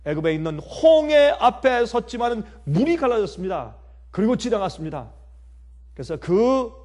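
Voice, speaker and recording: Husky, animated Korean-language preacher man. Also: high voice. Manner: emphatic, constant rhetorical questions. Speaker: pastor. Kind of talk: sermon.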